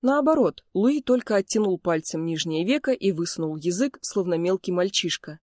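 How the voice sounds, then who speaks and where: Woman narrator, calm first-person storytelling, dry close recording. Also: fairly low pitch, moderate pace, no room sound. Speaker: audiobook reader.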